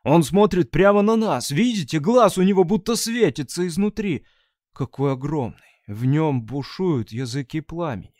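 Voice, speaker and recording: A man voicing a tense male mission leader who shouts loudly, read as an audiobook character. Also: medium pitch, unhurried, no echo, studio quality, lightly acted. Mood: awed. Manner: loud and shouting.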